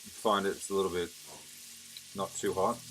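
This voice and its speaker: A man hosting a cooking show stands at the stove in an indoor kitchen, casually narrating each step as he cooks. His voice is low, steady, a bit bright, at a normal pace, and the noisy recording catches frying sizzle, stirring and clicks.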